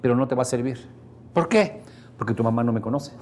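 A man's voice: medium pitch, quick pace, a little mellow, slight background noise. A man with a Mexican Spanish accent teaching a seminar group, explaining in a chatty way with everyday examples and checking in with his listeners. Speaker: seminar instructor. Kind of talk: workshop lecture to a live group. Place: seminar room with a live audience.

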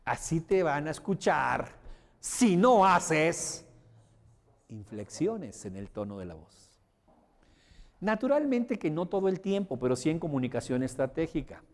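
A man giving a lively seminar talk to an audience, swinging his pitch for effect and asking the room questions. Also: normal speed. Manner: lively, theatrical pitch swings, demonstrating voice inflection. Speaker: communication trainer. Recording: long reverb of a hall.

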